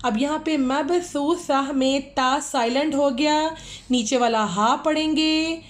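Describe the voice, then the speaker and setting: Woman tajweed teacher, high clear voice, very slow drawn-out recitation mixed with brisk explanations. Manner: slow melodic recitation, then rapid explanations.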